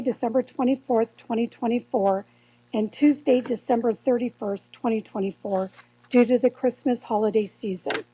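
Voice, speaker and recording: A woman reads council agenda items into a dais microphone in a steady, measured voice. Her tone is mellow and a little husky, pitched somewhat high. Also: low-quality recording. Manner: steady, measured reading of numbers and resolutions. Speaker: city clerk reading the agenda. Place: council chamber.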